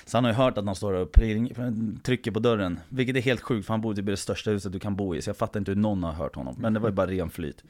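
A man's voice: fairly low pitch, hardly any pauses, a little mellow. A man telling a long anecdote in casual podcast chat, acting out quotes and swearing casually.

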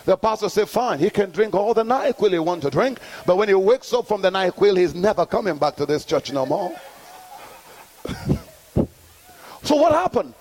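A middle-aged pastor with a high, sing-song, darkish voice preaches to his congregation at a moderate pace, pausing often. He calls for the church to answer back, building his sermon up to emphatic peaks.

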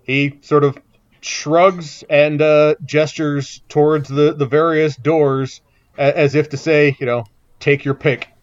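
A man's voice: a little high, fairly even intonation, slow pace, clear, resonant tone. A man running a tabletop game as game master, narrating the action descriptively with lots of fillers, recorded with dull lo-fi sound.

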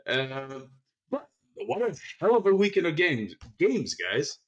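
A man hosting a casual sports podcast, chatty and quick to laugh, sometimes tripping over his words. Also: fairly high pitch, big pitch swings, fairly bright tone, highs cut off. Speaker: podcast host.

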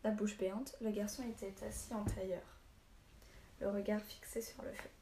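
Calm woman narrating an audiobook. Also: medium pitch, moderate pace. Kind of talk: audiobook reading. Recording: echoey room, faint hiss.

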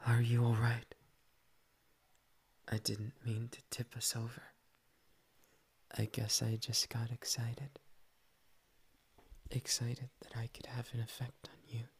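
A man's voice: medium pitch, completely flat delivery, takes it slowly, pauses often, slightly rough, full character voice. A man voicing a shy, playful young male cat boy in a whispered ASMR roleplay, tender and teasing, slipping "nya" into his talk. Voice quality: soft whispery delivery.

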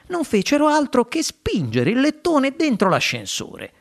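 A narrator reading a children's storybook aloud with an expressive, animated delivery. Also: medium pitch, gravelly. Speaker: audiobook narrator.

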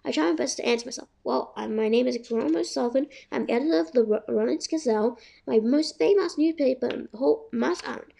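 A woman's voice: high voice, fast talker, vocal fry, hardly any pauses, warm tone. A young woman casually reading a children's chapter book aloud, chatty and stumbling over words. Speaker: reader.

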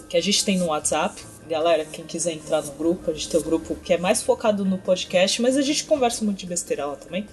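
A woman's voice: lowish voice, a little mellow. A woman co-hosting a podcast in casual chat, talking loosely with lots of fillers. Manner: chatty, with frequent fillers. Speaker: podcast co-host.

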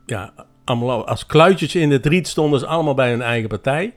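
A man's voice: mid-range voice, expressive, faint music behind. Man rambling through a story, trips over words a lot. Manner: halting, stumbling over words. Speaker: podcast co-host. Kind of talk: casual chat.

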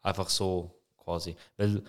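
A man in his thirties with a Swiss German accent, co-hosting a podcast and telling a story in casual comedic chat, growing loud as he acts out an argument. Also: sits low, unhurried. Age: 30s. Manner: animated, swings loud when reenacting arguments. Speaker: podcast co-host.

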